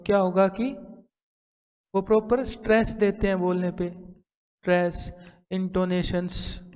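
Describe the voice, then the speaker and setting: A man's voice: sits high, fairly even intonation, measured pace, darkish tone, smooth, long reverb tail. A man teaching English grammar and pronunciation, explaining step by step and asking rhetorical questions as he lectures. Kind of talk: classroom lecture. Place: school classroom.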